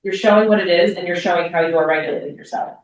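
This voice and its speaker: A woman's voice: on the low side, fast, noisy background. A woman presenting to parents at a school meeting. She talks conversationally, with frequent ums and restarts. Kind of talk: parent talk. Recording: echoey room, voice from far off.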